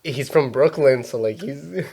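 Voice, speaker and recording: A man's voice: mid-range voice, unhurried, gravelly, darkish tone, breathy edge. A young man hosting a casual podcast chat. He rambles through stories, swears often and acts out what people said. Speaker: podcast host.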